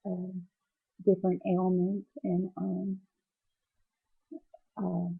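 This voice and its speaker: A woman records a personal video diary in a slightly low, husky voice, sounding teary, as after crying. She talks very slowly and haltingly, feeling for each phrase. The sound is somewhat muffled. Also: completely flat delivery. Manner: halting, hesitant, searching for words. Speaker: patient vlogger.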